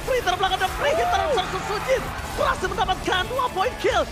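A man shoutcasting esports play-by-play like a hyped fighting game announcer, with drawn-out shouts. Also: extremely high pitch, expressive, over a noisy crowd. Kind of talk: excited esports play-by-play commentary. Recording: loud music behind the commentary.

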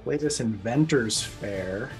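A man playing a card game who rattles off his plays briskly with light laughter. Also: mid-range voice, expressive, faint music behind. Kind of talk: casual gameplay chat.

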